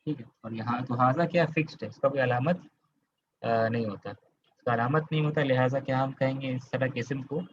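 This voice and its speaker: Male teacher from Kolkata, mid-pitched, patient step-by-step explainer who keeps quizzing students; muffled call audio. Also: brisk, a little hiss or hum. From Kolkata, India. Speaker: Arabic grammar teacher. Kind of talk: online class lecture.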